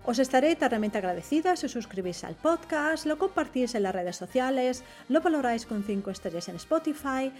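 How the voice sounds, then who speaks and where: A woman hosting a podcast language lesson. She spells out words and repeats example phrases slowly and carefully. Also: sits high, expressive, darkish tone, faint music behind. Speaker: language teacher, podcast host.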